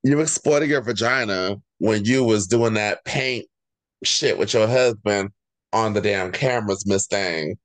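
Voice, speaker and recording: A man's voice: on the low side, unhurried, fairly bright tone, no room sound, low-quality recording. A man co-hosting a podcast, teasing and sassy, swearing through casual gossip about reality TV. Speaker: podcast co-host.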